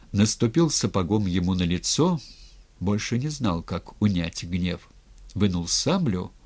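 A man reading a historical novel aloud in an expressive, dramatic way. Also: fairly low pitch, breathy edge. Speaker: narrator. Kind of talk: audiobook reading.

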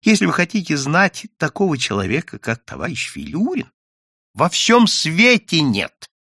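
A man's voice: huge pitch swings, moderate pace, pushed and bright, husky, dry recording, studio quality, full character voice. A man doing a wheedling fawning clerk. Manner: shushing, wheedling, high-pitched.

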